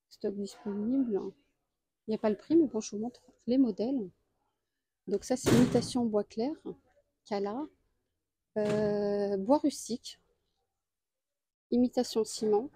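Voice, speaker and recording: A woman, a deal-hunting vlogger, walks through a store aisle and lists prices and sizes. She speaks in a chatty way and pauses often. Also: medium pitch, steady tone, dark tone, slightly rough, no room sound. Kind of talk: casual store walkthrough. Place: home improvement store aisle.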